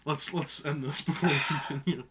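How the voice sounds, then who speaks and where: A man's voice: a little high, steady tone, a little fast, a bit bright, slight background noise. A young adult man co-hosting a casual podcast, sarcastic and swearing freely. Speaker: co-host.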